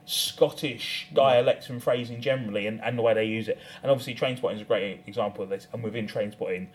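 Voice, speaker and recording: A man's voice: lowish voice, steady tone, fast. A British man co-hosting a podcast, chatting casually and explaining things with discursive enthusiasm. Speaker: podcast co-host. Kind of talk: casual chat.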